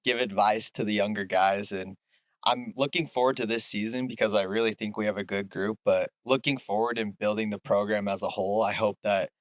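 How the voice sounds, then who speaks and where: A man's voice: lowish voice, steady tone, fairly quick, no room sound. A young man, a college soccer player, giving earnest, reflective interview answers. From Utah. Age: young adult.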